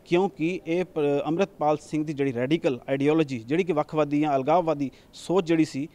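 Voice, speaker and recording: A male news reporter, delivering a rapid on-the-spot report with occasional fillers and restarts. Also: fairly high pitch, warm tone.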